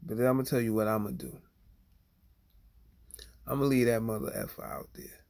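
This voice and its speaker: A man's voice: lowish voice, vocal fry, a little mellow. A man talking bluntly to viewers in a rambling casual livestream monologue, leaning on "you know" and "okay?" as he goes.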